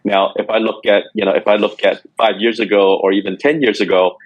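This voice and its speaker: A middle-aged man from Hong Kong answering interview questions in a measured way, with many fillers. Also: lowish voice, flat delivery, no echo, rough recording. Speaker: guest, company executive.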